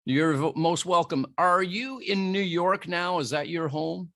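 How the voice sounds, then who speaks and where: A man's voice: high voice, a little slow, a bit bright, no echo. A man hosting an interview podcast, talking in a friendly, earnest way with many restarts. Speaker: podcast host.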